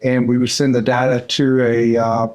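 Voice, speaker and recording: An older man from Central Arkansas, a dental surgeon answering podcast interview questions in an unhurried way, with frequent "uh" fillers. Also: medium pitch, completely flat delivery, darkish tone. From Central Arkansas, USA. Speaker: dental surgeon and course mentor.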